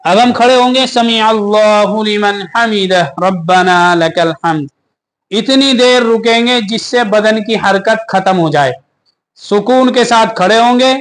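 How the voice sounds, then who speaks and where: A man teaches the steps of prayer. His voice sits high and he talks slowly and deliberately. He recites verses with long pauses between phrases. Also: fairly bright tone. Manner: asks questions and answers them himself, recites slowly with pauses. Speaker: religious teacher. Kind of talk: step-by-step prayer lesson.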